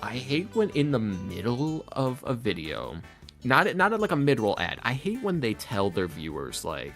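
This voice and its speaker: This ASMR roleplay creator, guesting on a podcast, talks in a loose, opinionated way, rambling emphatically with slang and acted-out quotes. His medium-pitched, slightly bright voice swoops wildly in pitch at a moderate pace, with soft music playing underneath.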